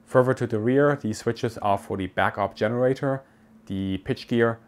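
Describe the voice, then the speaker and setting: A man presenting a show, giving a measured, explanatory scripted narration as a voice-over. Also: mid-range voice. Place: voice-over, not recorded in the pictured cockpit.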